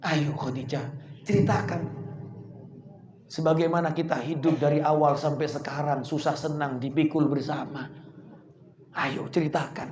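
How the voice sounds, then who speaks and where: A hoarse man portraying a concerned husband pressing his wife with earnest questions. inflection, a raised voice and a roomy echo around it. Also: a little high, steady tone, normal speed, long pauses, darkish tone, slight background noise, voice pushed down, natural voice. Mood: coaxing. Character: gentle, concerned husband and prophet. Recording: echoey room.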